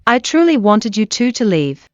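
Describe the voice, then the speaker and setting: A woman's voice: mid-range voice, very animated, normal speed, dry recording, dull audio, close to an everyday voice. A woman dubbing a proud, wronged young woman in a drama, firm and cutting. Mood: wounded. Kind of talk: English drama dub.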